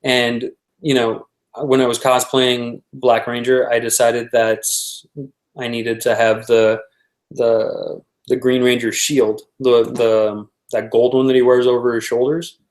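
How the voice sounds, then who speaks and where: A man's voice: medium pitch, little pitch movement, measured pace, roomy sound, rough recording. A man guesting on an interview, chatting casually about his prop making, rambling with lots of fillers and restarts.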